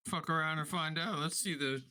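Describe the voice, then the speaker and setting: A man's voice: a little high, fairly even intonation, normal speed, sharp tone. A man playing a tabletop game, swearing a lot and hesitating between his actions. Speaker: player. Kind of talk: casual tabletop play.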